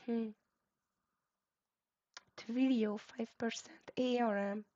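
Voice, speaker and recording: A woman with a Hungarian accent hosts a live trading stream, calling out stock tickers in clipped bursts full of fillers as she gives live market commentary. Her voice sits slightly high with a dark tone, and she speaks slowly with fairly even intonation. The stream audio is dull and lo-fi.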